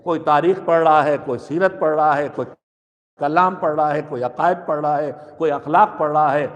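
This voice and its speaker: A man preaching to a gathering with a high voice and a lingering hall echo. He exhorts his listeners and poses rhetorical questions, pressing his points with shifting emphasis. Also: fairly even intonation, lo-fi sound. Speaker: cleric giving a majlis address. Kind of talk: sermon. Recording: long hall reverb.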